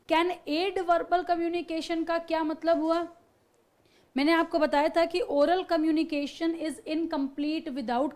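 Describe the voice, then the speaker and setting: A woman teaching a class in a lecture style, explaining slowly and mixing Hindi with English, and stressing words to give examples. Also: high-pitched, a little mellow.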